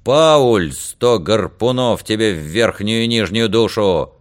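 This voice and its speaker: A man voicing a gruff, bossy coast guard chief in an audiobook, barking and blustering. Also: lowish voice, animated, slow, voice pushed up.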